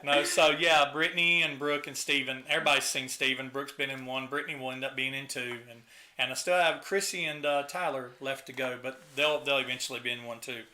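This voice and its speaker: A man's voice: medium pitch, steady tone, brisk, bright, forceful tone, slight background noise. A middle-aged man hosting a casual album review chat, talking enthusiastically and humming riffs and sounds to illustrate the music.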